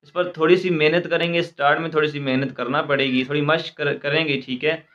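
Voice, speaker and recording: A man teaching Quran recitation, spelling out letters and syllables slowly, then explaining quickly and checking in with "theek hai" often. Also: a little high, fairly even intonation, a bit bright, highs cut off.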